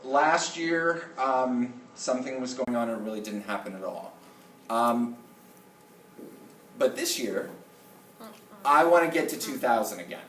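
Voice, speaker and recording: A man's voice: mid-range voice, animated, a bit bright. Give the voice of a male schoolteacher talking informally to his class in stops and starts. He sounds distant from the mic in an echoey room, and he keeps checking that everyone follows. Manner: halting, repeats okay to check attention. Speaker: middle school teacher. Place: indoor classroom with students. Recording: roomy classroom, distant mic, faint noise.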